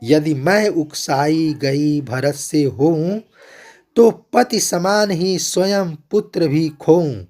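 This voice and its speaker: A man's voice: on the high side, a little mellow, pitched above the performer's own voice. Kaikeyi, a pleading queen as a man recites her. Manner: declaimed verse recitation, slow and emphatic. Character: remorseful widowed queen mother, pleading. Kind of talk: poetry recitation.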